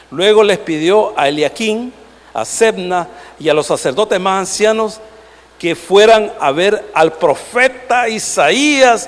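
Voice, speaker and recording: A male pastor, preaching a sermon with rhetorical questions aimed at the congregation. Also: high voice. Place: church sanctuary. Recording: long hall reverb.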